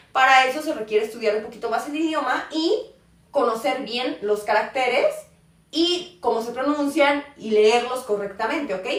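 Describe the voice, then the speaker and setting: Lady teacher explaining slowly, checks in with "ok?" a lot, sounds far off the mic in an echoey room, highish voice. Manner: patient, checks in with "ok?" often. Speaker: Mandarin teacher. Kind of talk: live online class. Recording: roomy echo, voice far from the mic.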